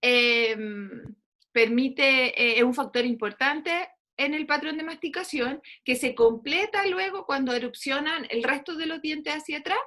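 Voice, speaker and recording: Woman, lecturer, high pitch, questioning and coaxing, video call. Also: measured pace, bright, forceful tone. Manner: questioning, coaxing students to answer, many fillers. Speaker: dentistry lecturer. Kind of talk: online class lecture with questions to students.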